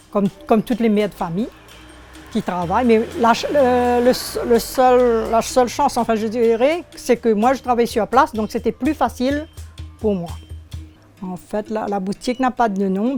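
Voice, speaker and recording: An older woman in her sixties from Réunion, speaking, recalling her life as a shopkeeper in an unhurried, hesitant way. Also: fairly high pitch, a little mellow. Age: 60s. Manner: unhurried, hesitant, searching for words. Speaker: shopkeeper interviewee. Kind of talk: oral history interview.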